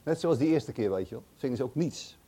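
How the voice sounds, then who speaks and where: A man's voice: medium pitch, animated, quick pace, mellow, slightly rough. A man reading a Bible passage aloud and commenting on it casually, thinking aloud with hesitant, chatty asides. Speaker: Bible teacher.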